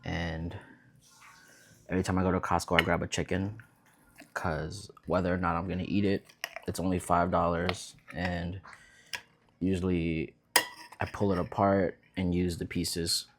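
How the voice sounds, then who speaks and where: A man's voice: deep voice, level tone, unhurried, pauses often, noisy background. A young man who grew up in Vietnam, chatting casually in a laid-back, rambling way while eating at home. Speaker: vlogger. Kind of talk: casual eating vlog chat.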